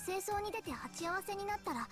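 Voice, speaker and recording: Earnest, high-pitched office girl. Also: lively intonation, brisk. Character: earnest polite young girl office worker. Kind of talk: visual novel voice acting. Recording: game music behind the voice.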